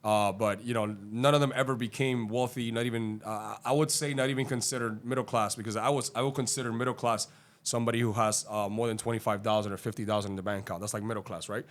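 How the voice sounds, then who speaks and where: A man from Cuba with a lowish, steady voice talks about his day-trading career as a guest on a podcast. His casual chat is fast, profane and rambling, heavy with fillers.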